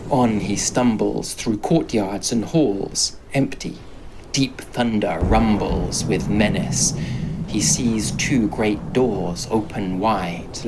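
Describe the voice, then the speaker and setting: A man narrating a rhyming storybook tale in a slow, measured way. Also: fairly low pitch, noisy background.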